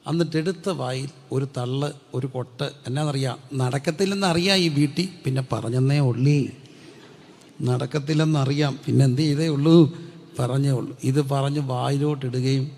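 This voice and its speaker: A middle-aged man preaches a Pentecostal sermon, throwing repeated questions at his congregation and answering them himself. His voice has a gravelly edge, and it rings out with a long reverb in a big hall. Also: medium pitch, fairly even intonation, moderate pace, darkish tone. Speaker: pastor.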